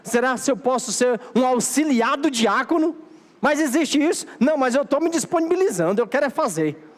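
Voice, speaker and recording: A man's voice: very high-pitched, lively intonation, fairly quick. A Brazilian Portuguese-speaking man preaching a sermon as pastor, exhorting his church in a repeating, emphatic cadence. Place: church sanctuary. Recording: long hall reverb of a church.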